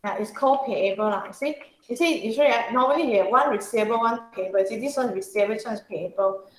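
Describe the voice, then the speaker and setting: A fast-talking accounting tutor with a slightly high voice and a Singaporean or Malaysian English accent gives an informal tutorial. She regularly checks with questions and uses colloquial particles, recorded in a roomy, echoey space.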